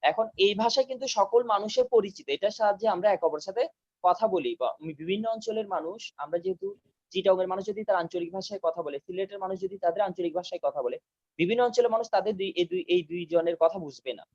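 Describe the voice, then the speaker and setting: A high-pitched man lectures his students over a video call and repeats each key term slowly so they can write it down. The sound is dry and a little dull, like online call audio. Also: darkish tone, dry recording. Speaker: teacher. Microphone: video call mic.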